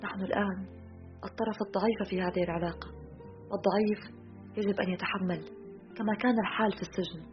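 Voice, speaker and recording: Woman narrator, quick steady literary reading, muffled sound, soft guitar underneath. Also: mid-range voice. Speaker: audiobook narrator. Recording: slightly muffled, soft guitar music behind.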